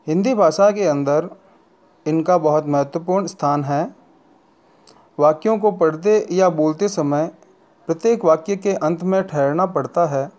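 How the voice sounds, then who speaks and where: A man teaching a grammar lesson to students, speaking deliberately and often repeating or correcting his phrases as he goes. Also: fairly high pitch, a little mellow. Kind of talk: slow Hindi grammar lesson.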